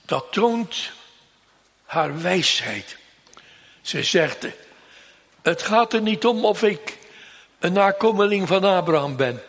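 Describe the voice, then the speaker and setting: Man, preacher, sermon, very slow and emphatic, husky voice, long church reverb. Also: high-pitched, expressive, a bit bright. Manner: solemn, emphatic, with slow drawn-out repeated pleas.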